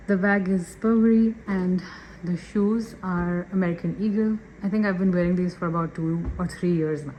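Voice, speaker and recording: A woman's voice: on the low side, steady tone, moderate pace, mellow, a little hiss or hum. A woman chatting casually to her viewers as a lifestyle vlogger, upbeat and talkative. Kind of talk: casual vlog chat.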